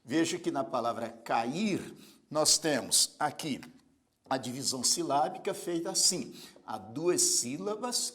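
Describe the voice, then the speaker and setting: A man teaching a grammar lesson, spelling words out syllable by syllable and telling students to observe. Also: a little high. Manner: addresses students directly with repeated prompts to observe. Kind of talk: recorded video lesson.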